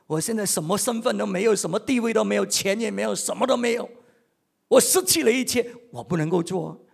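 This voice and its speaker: Self-doubting prophet, whining, husky high voice, as a preacher acts him out. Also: male voice, lively intonation, fairly quick, exaggerated voice. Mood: despairing. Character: reluctant downcast male prophet, self-doubting.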